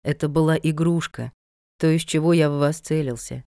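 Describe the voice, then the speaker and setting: A woman's voice: low-pitched, steady tone, normal speed, dark tone, no room sound, studio quality. A woman voicing a manipulative man who talks down to his fiancée in a coaxing, condescending way, in an audiobook reading.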